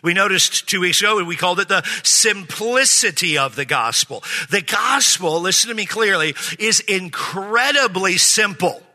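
A middle-aged man preaches in a church, his voice high-pitched and very bright. He jokes and asks the congregation for amens. Long reverb from the large hall trails behind his words. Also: animated, normal speed, hardly any pauses. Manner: joking, calls for amens from the congregation. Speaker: pastor. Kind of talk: sermon. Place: church sanctuary.

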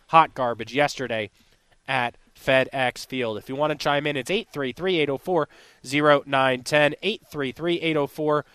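A man's voice: fairly high pitch, fairly bright tone, clean tone, dry recording. A man hosting a sports talk radio show, talking in an emphatic, worked-up rant. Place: live broadcast from a restaurant bar.

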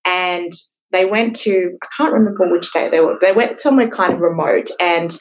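Female co-host, lower voice, relaxed case recap, slightly muffled lo-fi sound. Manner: conversational, recounts cases with quick fillers. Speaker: podcast co-host. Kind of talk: casual legal discussion podcast.

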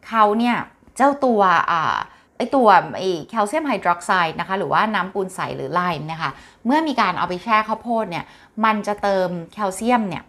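A woman's voice: medium pitch, animated, brisk, a bit bright. A woman hosting a casual health talk, chatting to viewers in a friendly explanatory way and referring to herself by her nickname.

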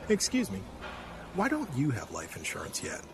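A man's voice: medium pitch, huge pitch swings, moderate pace, gravelly. A man reading a scripted insurance commercial as an announcer.

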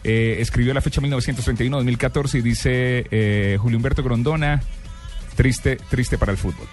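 Colombian male sports reporter, mid-pitched. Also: fairly even intonation, fairly quick, a little mellow, soft background music. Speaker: sports radio journalist. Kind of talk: conversational news reporting.

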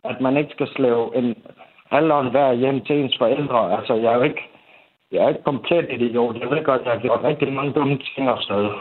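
A young man talking candidly in an interview, halting, swearing and restarting his sentences often. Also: medium pitch. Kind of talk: candid interview about family conflict. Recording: tinny phone-like sound.

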